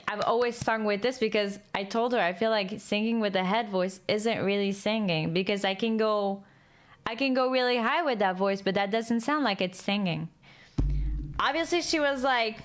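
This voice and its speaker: A woman chatting casually with her viewers, rambling, lively and laughing often. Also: mid-range voice. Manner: speaks in a lively way. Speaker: streamer.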